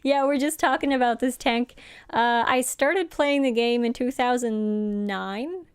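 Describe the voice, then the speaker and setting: Her voice is a little high, a little slow, and smooth, with no room sound. She's a young Norwegian-speaking woman streaming a game, chatty and friendly, laughing often as she casually talks with viewers and reads their chat aloud.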